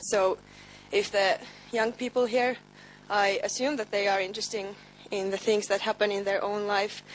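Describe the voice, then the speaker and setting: A woman's voice: mid-range voice, flat delivery, moderate pace, low-quality recording. Finnish accent woman in her 20s, thoughtful, kinda hesitant, faint hum. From Finland. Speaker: youth party board member.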